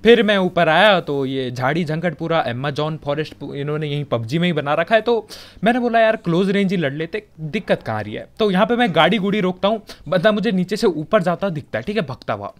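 A man's voice: on the high side, animated, brisk, few pauses. A young man with a Hindi accent giving casual, joking commentary over his own game footage. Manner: chatty, joking, colloquial filler-heavy. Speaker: gaming commentator.

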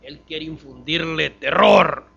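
A pastor preaching a sermon, asking the congregation rhetorical questions and swinging between loud emphasis and soft, low drops. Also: male voice, slow, creaky, husky, highs cut off. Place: church.

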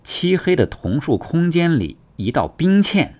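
A man narrating a web novel audiobook with dramatic, expressive storytelling. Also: fairly high pitch, measured pace.

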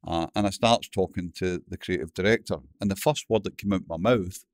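A man's voice: sits low, fairly quick, dry recording, studio quality. Older Glaswegian man, mumbling storyteller. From Scotland. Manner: mumbling, swears freely, tells anecdotes. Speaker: guest. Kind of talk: casual interview chat.

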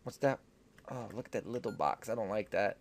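A man's voice: fairly low pitch, a little fast, slight background noise. A young man giving casual gameplay commentary, repeating short phrases to himself. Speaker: gaming video host.

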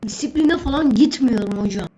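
A woman's voice: on the high side, moderate pace, warm tone, lightly acted. A woman doing a whiny cheeky schoolboy. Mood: pleading. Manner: whining, pleading, talking back. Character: cheeky super-strong schoolboy, whiny and pleading.

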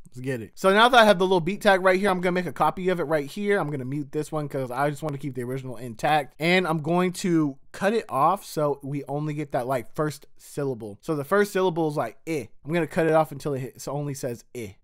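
A man's voice: on the high side, fast, hardly any pauses. A man, a music producer, casually walking through his mixing steps in a slangy, laid-back tutorial voice.

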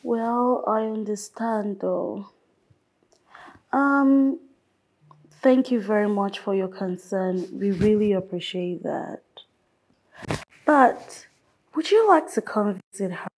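An actress playing a gentle, devoted woman who soothes and coaxes her friend in a film drama. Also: mid-range voice, animated, takes it slowly, long pauses, rough recording. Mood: polite. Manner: soft, soothing, coaxing. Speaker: caring friend.

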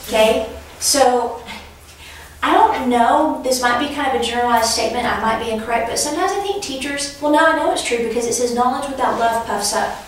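A woman's voice: on the high side, fairly quick, a little hiss or hum. A woman teaching a preaching class in a conversational, storytelling way, laughing now and then as she tells anecdotes. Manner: conversational, anecdotal, laughs while telling stories. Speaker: Bible teacher. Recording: echoey room, voice from far off.

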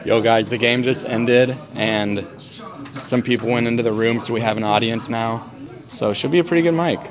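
A man's voice: mid-range voice, moderate pace, a crowd in the background. A young man in his twenties vlogging from a bar and then from his parked car, chatting casually and recapping crude jokes from his comedy set. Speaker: comedian vlogging an open mic night. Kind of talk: casual vlog chat. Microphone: handheld camera at arm's length.

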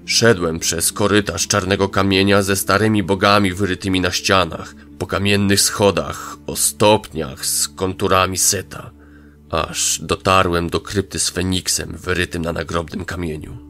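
Fierce barbarian warrior king for a fantasy audio drama, deep and growling; male narrator voicing. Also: steady tone, measured pace, sharp tone, exaggerated voice. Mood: solemn. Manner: growling, booming.

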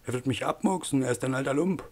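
A man's voice: mid-range voice, quick pace, a little mellow, natural voice. A man voicing a crude, insolent young male assistant doctor in an audiobook, talking rudely and picking fights. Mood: panicked. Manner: rude and quarrelsome. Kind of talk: audiobook character voice.

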